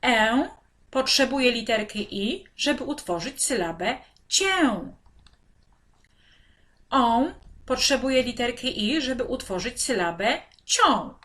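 Slow, lively-voiced woman teacher. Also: fairly high pitch. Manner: slow, clearly articulated, speaking to children. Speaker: primary school teacher. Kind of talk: reading lesson for young children.

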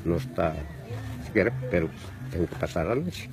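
A middle-aged man from Peru, a local resident, answering a reporter's questions outdoors in halting, fragmented speech into a handheld mic. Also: low-pitched, animated, darkish tone, low-quality recording. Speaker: affected resident. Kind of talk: interview answers. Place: outdoors among ruined houses.

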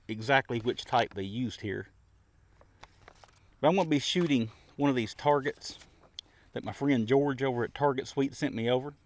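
A middle-aged man talks in a plain, easygoing way and explains his setup step by step, like the host of a casual shooting vlog. His voice sits at an ordinary middle pitch. He is recorded on a camera mic at a covered outdoor shooting bench. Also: dry recording.

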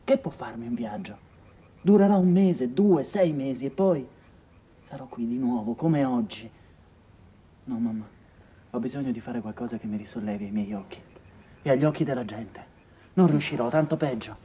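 An actor playing a tormented young man in a 1980s TV drama, pleading with his mother, bitter and impassioned, swinging between hushed tones and outbursts. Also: medium pitch, moderate pace, long pauses, breathy edge, natural voice. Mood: agitated.

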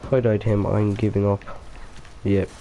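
Young male gamer, low gravelly voice, casual commentary, swears a lot, faint noise under it. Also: little pitch movement, normal speed, dark tone. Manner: frustrated, swearing, mutters to himself.

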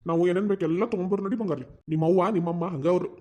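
An actor voicing a gentle, indulgent grandfather in a cartoon, with a North Karnataka Kannada accent, soothing and calming. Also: high-pitched, very fast. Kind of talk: cartoon voice acting.

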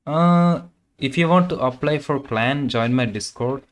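A young man with an Indian accent, raised in Kerala and speaking Malayalam as his first language, keeps up a casual live-stream chat with game viewers. His talk is loose and filler-heavy, delivered in a mid-range voice at a measured pace into a condenser mic.

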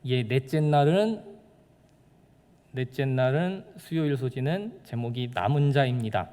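A man's voice: medium pitch, lively intonation, a little slow, dark tone, big-room sound. A man preaching a sermon as pastor, in a conversational way with rhetorical questions. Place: church.

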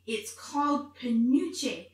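As Mrs. Claus, the middle-aged host walks viewers through a homely recipe in her home kitchen, chatty and grandmotherly in a storybook style. She sounds a little high, animated and slow. Her distant mic yields a very echoey recording with faint room noise.

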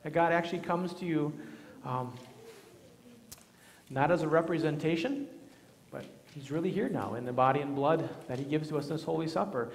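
A man leading worship as pastor, praying and speaking in a measured, solemn way, his voice ringing with a cathedral echo. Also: a little high, slight background noise. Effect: cathedral echo, long church reverb. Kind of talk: liturgical prayer and communion address. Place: large church sanctuary. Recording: long reverb of a large church hall.

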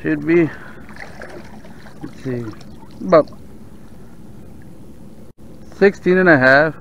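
A man with a South Texas accent giving relaxed running commentary while fishing from a kayak on open bay water, talking to the fish and his viewers. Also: a little high, extremely slow, gravelly. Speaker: fishing vlogger. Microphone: action camera on the kayak. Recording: dull outdoor camera audio with faint water noise.

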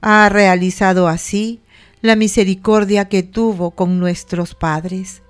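Female prayer reader, medium pitch, slow and solemn, reciting liturgy in measured phrases. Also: steady tone, smooth, soft background music. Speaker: prayer reader giving responses.

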